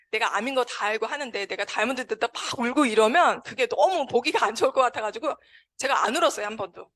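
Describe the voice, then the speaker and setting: A woman speaks to an audience and shares a heartfelt personal testimony. Her fairly high voice swings widely in pitch as she tells the story with feeling. She acts out the quoted dialogue vividly. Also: fairly bright tone. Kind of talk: emotional personal testimony speech.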